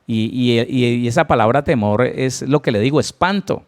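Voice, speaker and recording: A man's voice: medium pitch, moderate pace. A middle-aged man preaching a Bible teaching sermon, earnest, repeating key words and speaking straight to his listeners with rhetorical questions. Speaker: pastor.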